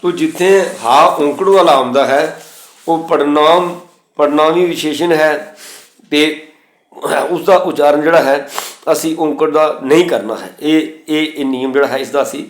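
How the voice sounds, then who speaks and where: A man teaching the pronunciation of scripture, reciting verses slowly and spelling out letters and vowel signs methodically. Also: a little high, roomy sound. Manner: slow chanted recitation of verses between explanations. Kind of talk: recorded lesson on scripture pronunciation.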